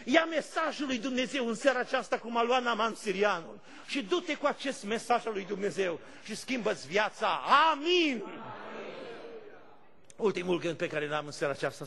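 A male pastor delivers a fervent sermon in a voice pitched high for a man. He bursts into loud shouts of praise, then sinks to soft, low-key storytelling. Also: animated.

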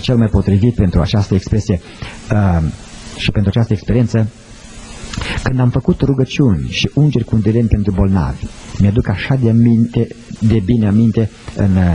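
A man's voice: medium pitch, mellow, a little hiss or hum, poor audio. A middle-aged male pastor preaching an impassioned sermon, his voice rising and falling.

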